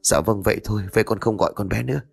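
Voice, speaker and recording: A man's voice: lowish voice, racing, vocal fry, slightly rough, long reverb tail, faint music behind, full character voice. A man voicing an evasive young husband in debt, who answers meekly and politely and calls out eerily in a dream.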